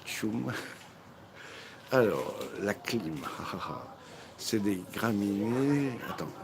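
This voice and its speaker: His voice is fairly low, gravelly and animated, and he draws out his words. On a cooking live stream recorded on a phone mic, he jokes casually with viewers, rambling with plenty of fillers and restarts while the background stays noisy.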